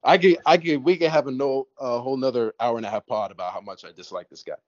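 A man's voice: medium pitch, fast, no echo. A man from the United States talking football on a podcast panel, casual and hesitant, often restarting his sentences. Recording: dry, dull lo-fi mic.

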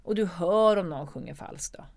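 A woman's voice: fairly low pitch, expressive, gravelly, darkish tone, dry recording. A woman actor and producer talking candidly in an interview, emphatic and swearing freely.

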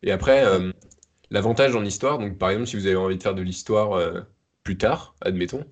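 A young man co-hosting a casual chat, explaining things in a measured way. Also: low-pitched, muffled recording. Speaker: podcast co-host.

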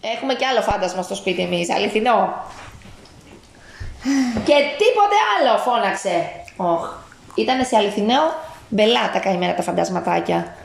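A woman's voice: medium pitch, creaky, echoey room, slight background noise. A woman at home reading a picture book aloud to a child, stopping often to ask questions.

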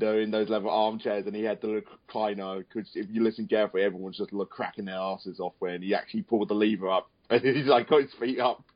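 A man co-hosting a casual wrestling chat, rambling and repeating phrases for emphasis. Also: fairly low pitch. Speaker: podcast co-host. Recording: dull, lo-fi audio.

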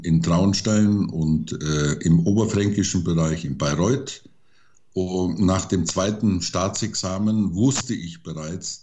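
An older man giving interview answers slowly, halting with many fillers. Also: deep voice, warm tone. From Germany. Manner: slow and hesitant, many fillers. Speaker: interview guest, forester.

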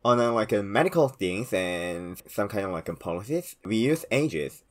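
A man's voice: fairly low pitch, big pitch swings, moderate pace. A man in his twenties from South Korea with a Korean accent, explaining things casually in non-native English phrasing and having trouble pronouncing his V sounds. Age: 20s. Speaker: podcast co-host explaining Korean customs.

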